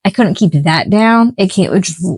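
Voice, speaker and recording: A woman's voice: medium pitch, animated, normal speed, a little mellow, slightly rough, dry recording, poor audio. A woman co-hosts a casual podcast chat in a mid-range voice. She rambles and makes self-deprecating jokes, often trailing off mid-thought. The sound is close and dry. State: just recovered from flu. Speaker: podcast co-host.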